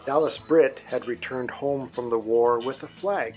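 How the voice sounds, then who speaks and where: A man giving scripted documentary narration in a measured, even way. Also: mid-range voice, over music.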